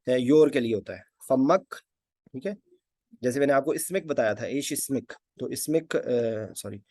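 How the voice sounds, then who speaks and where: A man's voice: mid-range voice, a little mellow, no echo, studio quality. A man giving an informal spoken lesson. He hesitates often, uses many fillers, and repeats key words. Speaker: anesthesia teacher.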